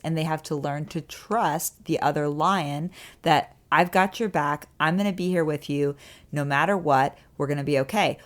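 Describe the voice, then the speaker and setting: Woman, podcast co-host; deep for her sex, earnest, easy laugh. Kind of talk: faith podcast chat.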